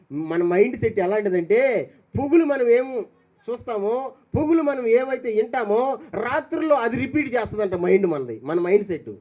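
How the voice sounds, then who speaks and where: An older man preaching a sermon as pastor, questioning his congregation and swinging between raised calls and quiet low asides.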